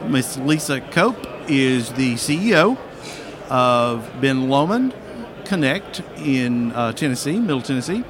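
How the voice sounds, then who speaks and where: A male podcast host interviews guests live on a busy convention floor. His mid-range voice moves haltingly through introductions and questions, with the clear bustle of a crowd all around him. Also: mid-range voice, sing-song. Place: busy convention expo hall. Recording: busy expo hall crowd behind. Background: crowd and hall bustle.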